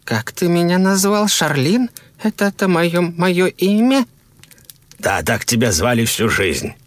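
A man voicing a deranged, infected woman who talks in slow, wailing, unhinged outbursts. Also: medium pitch, big pitch swings, a bit bright, no echo, pitched above the performer's own voice. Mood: confused. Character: deranged infected woman, confused then murderous.

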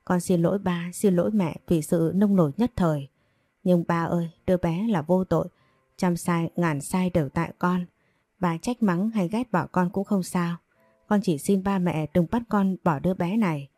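A woman reads as a remorseful young daughter in an audio story, pleading and apologetic. The low, mellow voice sounds dry and close. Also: normal speed, dry recording, natural voice.

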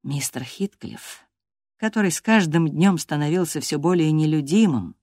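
A woman with a lowish voice narrates a classic novel in a steady, measured audiobook reading. The recording is dry and close-miked, with no room reverb. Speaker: audiobook reader. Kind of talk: scripted narration.

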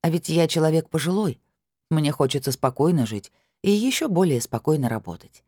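A reader narrating a first-person audiobook in a calm, measured and dryly ironic way. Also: medium pitch, husky, no room sound, studio quality.

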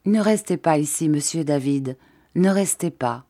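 A woman reading an audiobook, voicing a broken young fisherman who speaks earnestly and haltingly. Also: low voice, animated, dark tone, dry recording, studio quality, exaggerated voice.

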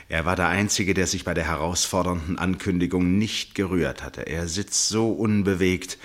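An actor playing a first-person narrator in a literary radio play, a husky-voiced man telling his account in a measured, suspenseful way. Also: sits low, fairly bright tone. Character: male first-person narrator, absorbed witness of a chess match.

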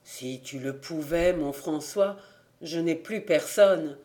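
A man reading an audiobook, voicing a proud, bitter old farmer father who speaks gravely and flares into anger. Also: fairly high pitch, takes it slowly, darkish tone. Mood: grave pleading. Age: older.

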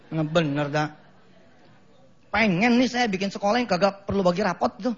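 A middle-aged Indonesian preacher with a high voice and a Betawi-flavored Jakarta accent delivers a lively, joking mosque sermon. He acts out the voices of people in his stories and laughs at his own jokes, heard through a dull lo-fi broadcast recording.

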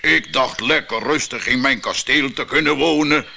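A man voicing a huge, grumpy old male giant in a storybook reading, with a booming, thundering voice. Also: lively intonation, takes it slowly, bright, forceful tone, breathy edge, full character voice. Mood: angry.

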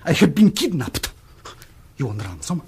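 An actor playing an indignant, pompous Soviet diplomat with a Russian accent, blustering in broken grammar in a screen drama. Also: male voice, a little high, big pitch swings, moderate pace, gravelly, darkish tone, slight background noise. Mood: affronted, demanding. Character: indignant, flustered Soviet diplomat, pompous about his rank.

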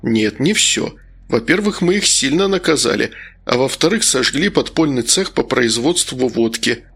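A man voicing a polite, eager, flattering gardener in an audiobook reading. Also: medium pitch, moderate pace, slightly rough. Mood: courteous. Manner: courteous, eager.

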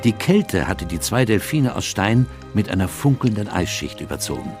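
Doctor Watson, low-voiced narrator over music. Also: male voice, big pitch swings. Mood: descriptive. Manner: measured, descriptive. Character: observant gentleman doctor recounting a case. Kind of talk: literary radio drama narration.

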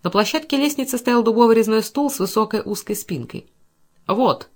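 A woman's voice: fairly high pitch, fast. Woman narrating a classic novel dramatically. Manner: dramatic, expressive reading. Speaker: audiobook narrator. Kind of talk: literary audiobook narration.

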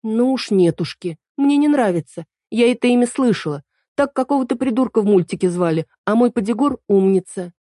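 A woman's voice: a little high, expressive, dark tone, no echo, clean studio sound, pitched above the performer's own voice. Woman doing a chattering young girl fairy. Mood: eager. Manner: quick, fussy and earnest.

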